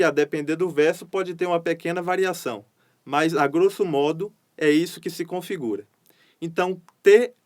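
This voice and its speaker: Male poetry teacher, Brazilian Portuguese accent, slightly high voice, measured lecturing. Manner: measured, explanatory, reads poems louder and rhythmic.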